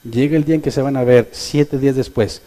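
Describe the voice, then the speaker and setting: A man preaching from the pulpit, his voice dark and mellow. He is animated and often slips into the voices of the people he quotes. His pitch sits in the ordinary middle range. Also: brisk. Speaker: pastor. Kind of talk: sermon.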